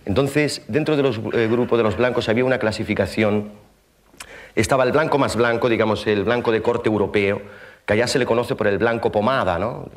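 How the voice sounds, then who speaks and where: Male stand-up, lowish voice, lively stage storyteller, throws in sound effects and asides to the audience. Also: a little fast. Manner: conversational, with frequent tag questions. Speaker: stand-up comedian. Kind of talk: comic stage monologue. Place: theater stage.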